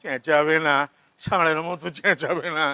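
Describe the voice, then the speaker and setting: Ranting Kolkata dad played by a man: high, bright, sarcastic, keeps shouting the same lines. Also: normal speed, no echo. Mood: exasperated ranting. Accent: Kolkata Bengali. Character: frantic middle-aged father of the bride, money-obsessed. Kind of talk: theatre play reading.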